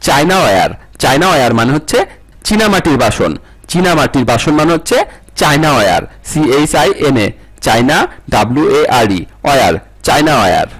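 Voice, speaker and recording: Guy drilling english words, spells em out, bouncy husky voice. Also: mid-range voice, very animated, brisk, a bit bright. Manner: repetitive, sing-song word-meaning-spelling pattern. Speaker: English teacher.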